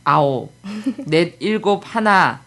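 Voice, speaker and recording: Woman host chatting casually, blunt and jokey, pitch bouncing all over. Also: lively intonation, slow, fairly bright tone, slight background noise. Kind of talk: casual chat.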